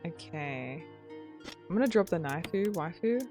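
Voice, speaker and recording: A woman's voice: fairly low pitch, animated, over music. A woman game streamer chatting casually with her viewers while playing, a little sleepy. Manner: chatty, talks to viewers, drawn-out greetings. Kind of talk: casual live-stream commentary while gaming.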